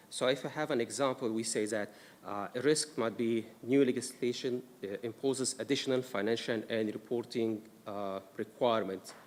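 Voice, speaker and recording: Speaking with an Egyptian accent, this man leads a council through a risk management workshop, taking care with his explanations and saying "uh" often. His medium-pitched voice is a little mellow. The council meeting room echoes, and the distant mic also picks up noise.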